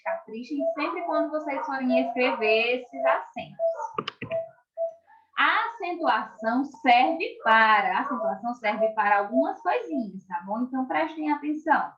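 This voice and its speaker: A Brazilian woman with a slightly high voice teaches young children through an online video lesson. She speaks slowly and with great clarity, stretching out key words and checking in with her class. The recording sounds echoey and muffled, like a home room captured on a modest mic. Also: a bit bright. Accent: Brazilian Portuguese. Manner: slow, clearly articulated, stretches out words for children; keeps checking in with tag questions. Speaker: primary school teacher.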